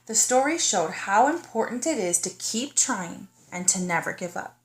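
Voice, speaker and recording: A woman reads a children's storybook aloud the way a kindergarten teacher would, drawing the young listener in and pausing to ask questions. Her medium-pitched voice is expressive, with a little hiss or hum in the recording.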